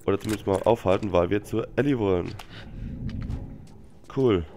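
A young man hosting a let's play series talks into a headset mic while sick with a cold, his casual commentary full of slang, muttering and swearing. His voice is lowish and dark at a normal pace, with game music, gunfire and a little hiss or hum in the background.

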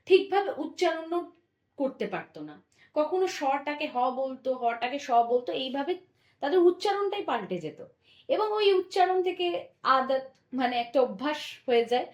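A woman teacher walks her students through a history lesson, explaining step by step and pausing to check they follow. Her voice sits high and swoops up and down with animation. The sound carries an echoey room around it. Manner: explains step by step, often checks understanding with a tag question.

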